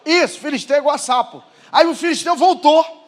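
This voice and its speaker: A man preaching a Pentecostal sermon in church with a Brazilian Portuguese accent, moving from quiet, low talk to shouted proclamations. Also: fairly quick. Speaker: pastor.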